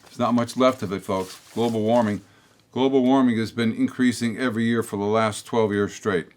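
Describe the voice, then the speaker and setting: An older man with a somewhat low voice hosts a local public-access political show, delivering a blunt, rambling opinion monologue straight to camera. He speaks at normal speed in a steady tone, restarting often and wandering into asides, his throat slightly hoarse from a tickle.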